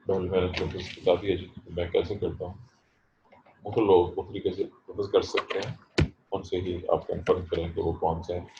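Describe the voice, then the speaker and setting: A man teaching a botany class online, explaining terms slowly and stressing how to pronounce them. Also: low-pitched, flat delivery, roomy sound, lo-fi sound, noisy background. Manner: slow, explanatory, stresses pronunciation. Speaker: botany professor. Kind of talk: online lecture.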